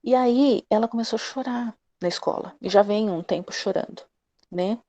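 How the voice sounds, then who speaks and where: A middle-aged Brazilian woman talks directly and with animation about her family during a live session. Her voice is warm and mellow. The sound is dry and close, with no room echo. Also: medium pitch, normal speed. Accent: Brazilian Portuguese. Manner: direct, animated, acts out quoted dialogue. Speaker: class participant. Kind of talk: personal sharing in a live session.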